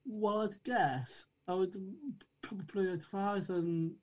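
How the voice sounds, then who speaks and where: A man chatting as an interview guest, hesitant and thoughtful as he pieces his answers together. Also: high-pitched. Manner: hesitant, halting, thoughtful delivery. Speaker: podcast guest, amateur performer. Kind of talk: casual interview chat.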